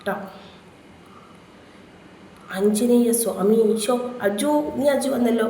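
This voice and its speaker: A woman's voice: a little high, slow pace, dark tone. A woman from Kerala, chatting casually on a live stream and trading crude insults with viewers. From Kerala, India. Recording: echoey room, faint background noise.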